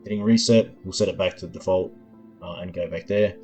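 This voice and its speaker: Guy with a low warm voice doing a tutorial walkthrough of his app, lots of ums, faint music behind. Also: steady tone. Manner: unhurried, filler-heavy, thinking aloud. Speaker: developer demoing his app. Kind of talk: screen-recording tutorial walkthrough.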